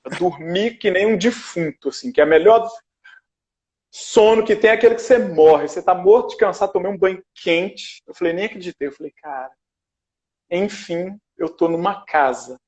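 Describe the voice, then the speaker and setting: Speaking at normal speed in a high voice, this man is a guest on a video call from the house he shares. He's an animated storyteller, performing the dialogue people directed at him as the casual chat goes on.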